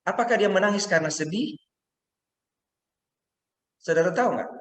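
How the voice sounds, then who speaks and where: A man's voice: high voice, moderate pace. A middle-aged man with an Indonesian accent preaching a sermon, telling stories and acting out quotes. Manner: animated storytelling, acts out quotes. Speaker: pastor. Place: church hall. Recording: echoey room.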